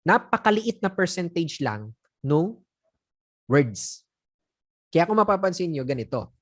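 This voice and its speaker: A man's voice: fairly high pitch, very animated, a little slow. Chatty man coaching online sellers. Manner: conversational, mixing in acted example phrases; chuckles often. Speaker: sales coach. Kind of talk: casual teaching talk.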